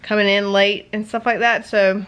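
A woman's voice: mid-range voice, little pitch movement, normal speed, a bit bright, smooth. A young adult woman and mother chatting casually to a handheld camera at home, rambling and breaking off to talk to her children. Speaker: vlogger and mother. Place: indoors at home. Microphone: handheld compact camera.

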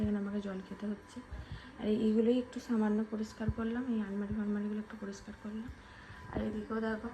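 Soft-spoken woman vlogging over music. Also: mid-range voice, rough recording. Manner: chatty, addresses viewers as friends; talks softly so as not to wake her baby. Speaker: vlogger and new mother. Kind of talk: casual home vlog chat. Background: background music.

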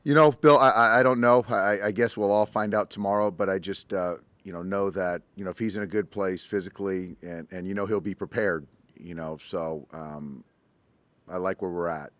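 Middle-aged guy at a press table, deep voice, dry close sound, lots of ums and restarts. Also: fairly even intonation, fairly bright tone, no echo. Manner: measured, halting, many ums and restarts. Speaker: baseball manager. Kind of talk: postgame press conference answers. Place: press conference room, indoors. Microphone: table mic in front.

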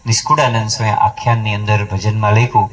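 A man's voice: flat delivery, fast talker, a bit bright. A man telling a devotional story as a sermon at a home memorial gathering, his voice rising and dropping for emphasis. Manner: story-telling, voice swinging high and low for emphasis. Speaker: devotional speaker. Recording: voice picked up from a distance.

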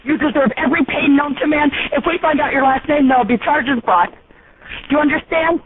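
High-pitched ranting older woman, tinny phone. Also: brisk. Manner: ranting, accusatory, repetitive. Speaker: angry call recipient. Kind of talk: heated phone argument. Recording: tinny, noisy phone line.

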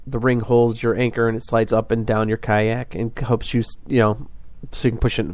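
A man's voice: mid-range voice, level tone, moderate pace, a little mellow, dry recording. A man hosting a fishing podcast, explaining things in a casual, rambling way full of fillers and restarts.

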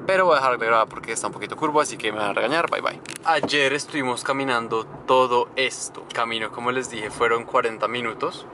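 A young Colombian man vlogs while he drives, joking with his viewers in a casual, chatty way. His voice sits at an ordinary middle pitch. The car engine and street sounds come through clearly under his voice. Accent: Colombian Spanish. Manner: chatty, playful, addressing viewers directly. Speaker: travel vlogger. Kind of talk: casual travel vlog. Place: small car while driving, and outdoors in town streets. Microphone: camera mounted on dashboard or held at arm's length. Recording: noisy road and street ambience.

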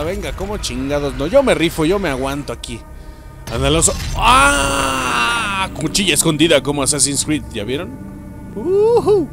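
A young adult man with a Mexican accent giving crude, excitable let's play commentary, yelling and swearing at enemies. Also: fairly high pitch. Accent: Mexican Spanish. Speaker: gaming channel host. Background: game music.

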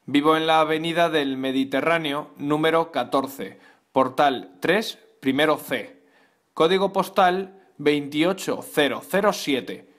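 A man with a Madrid accent reads a scripted self-introduction for language learners. His voice sits a little high and he speaks slowly, setting out each detail deliberately. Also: fairly bright tone. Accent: Madrid Spanish. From Madrid, Spain. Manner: slow, deliberate dictation of details. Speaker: voice actor in a language lesson.

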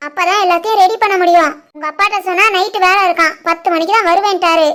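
A woman voicing a fussy, doting middle-aged village mother in an animated family story, with a southern Tamil Nadu accent. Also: extremely high pitch, quick pace. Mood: bossy. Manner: bossy, chatty.

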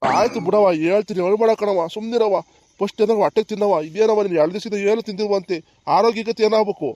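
A gentle old village grandfather, played by a man in a cartoon comedy. He talks quickly in a fairly high voice, soothing and reasoning. The sound is close and dry. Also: dry recording, muffled recording, natural voice. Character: kind old village grandfather, calm peacemaker.

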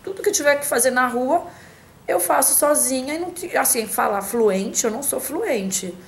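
A woman's voice: high voice, animated, moderate pace, low-quality recording. A woman from Brazil talking casually to camera at home, chatty and hesitant, with many restarts and fillers. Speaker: vlogger answering a tag.

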